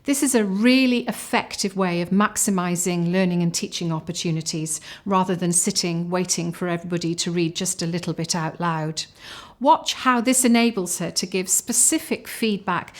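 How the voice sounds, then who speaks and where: Woman presenter, lower voice, clear explanation. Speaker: presenter of a teacher training video. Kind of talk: scripted voice-over.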